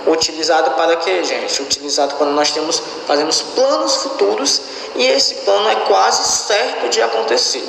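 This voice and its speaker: A man from Brazil, teaching an English lesson slowly and often checking in with his students. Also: on the high side, gravelly, sharp tone, slight background noise. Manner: slow and explanatory, often checks in with the class. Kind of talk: recorded online lesson. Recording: echoey room with long reverb.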